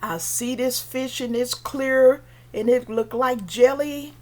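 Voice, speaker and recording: A woman teaching young children in a slow, sing-song way, with playful animal sounds. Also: on the high side, a little mellow. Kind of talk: singalong children's lesson.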